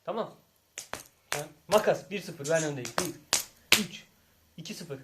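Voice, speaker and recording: A man's voice: a little high, a little slow, heavy background noise. A man, a father hosting a casual family vlog, teasing playfully and calling out game scores with bursts of laughter. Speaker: father and channel host.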